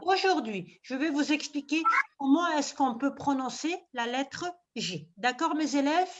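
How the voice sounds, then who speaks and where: Woman teacher with a high voice, slow and patient, on dull video-call audio. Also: animated, background noise. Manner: slow, patient, repeats "ok?" after each point. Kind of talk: online class lesson.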